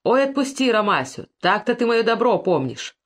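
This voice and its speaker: A frightened old nobleman, played by a woman reading a storybook, begs for mercy in a high, strained voice. His pitch swoops up and down with every plea. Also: big pitch swings, normal speed. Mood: pleading.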